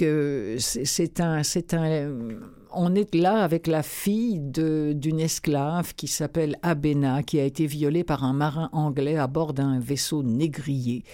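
A man's voice: fairly high pitch, dark tone. Quebec man enthusing about audiobooks. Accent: Quebec French. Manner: enthusiastic, hesitant with fillers. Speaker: radio book-show host. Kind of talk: casual spoken book review.

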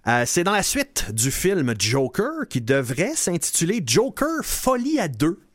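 A man's voice: a little high, wildly swooping pitch, measured pace, no echo, clean studio sound. A man, a radio columnist chatting casually and teasing his co-host, with many fillers.

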